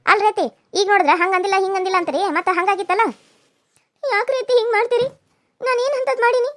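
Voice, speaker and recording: A woman's voice: very high voice, fairly even intonation, fairly bright tone, dry recording. A woman voicing a defiant young village wife arguing with her husband and mother-in-law in a cartoon serial. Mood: protesting. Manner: argumentative, pleading, quick protesting.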